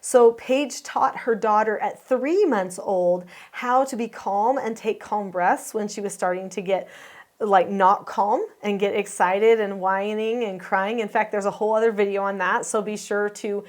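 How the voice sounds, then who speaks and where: A woman's voice: medium pitch, fairly even intonation, a little slow. A woman hosting, earnestly explaining a home video to viewers and asking them questions. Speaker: host and parenting teacher.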